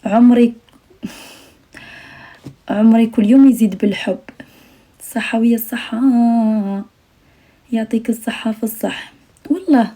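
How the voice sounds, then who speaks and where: A woman's voice: a little high, moderate pace, long pauses, warm tone, husky. A young Algerian woman talking earnestly to her viewers on a late-night live stream, repeating her phrases and sometimes dropping almost to a whisper.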